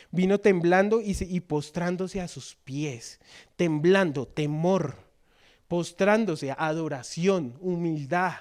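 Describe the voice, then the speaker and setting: High-voiced preacher. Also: male voice. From Colombia. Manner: asks the congregation questions, reads scripture, shifts between loud and soft. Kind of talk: sermon. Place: church.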